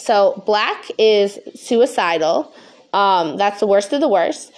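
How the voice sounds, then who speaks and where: Casting: woman podcaster, higher-pitched, stoned and rambling, frank and sweary in a casual solo monologue. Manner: stoned, rambling, losing her thread. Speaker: podcast host.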